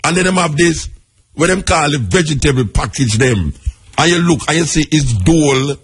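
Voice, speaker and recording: Husky Jamaican man hosting radio. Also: fairly high pitch, expressive, moderate pace. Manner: emphatic, conversational, repeats points. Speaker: radio host. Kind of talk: radio talk commentary in Patois.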